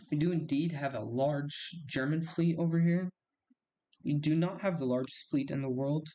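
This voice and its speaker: A man's voice: fairly high pitch, warm tone. A man casually commenting as he plays a strategy game, reacting aloud with small gasps and laughs as things happen. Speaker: gaming YouTuber.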